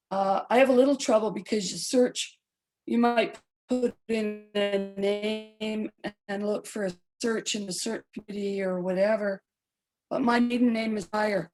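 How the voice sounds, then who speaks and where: A woman's voice: medium pitch, a little mellow, rough recording. Woman speaker on a failing online call, voice breaking up; chatty, rambling delivery with restarts. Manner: rambling, conversational, restarts sentences. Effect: breaking-up online call audio, dropping quality. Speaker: genealogy speaker. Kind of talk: casual talk in an online session.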